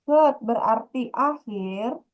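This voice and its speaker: A woman's voice: a little high, takes it slowly. A woman teaching a grammar lesson, explaining patiently and repeating her points. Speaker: Korean language teacher. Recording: dull lo-fi sound.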